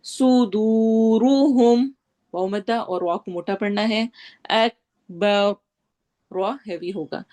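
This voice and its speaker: A woman teaching tajweed, reciting Quranic verses slowly and drawn out, then explaining each rule in brisk Urdu with a Pakistani accent. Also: mid-range voice, steady tone, darkish tone. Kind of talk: tajweed lesson, slow chanted recitation between quick spoken explanations.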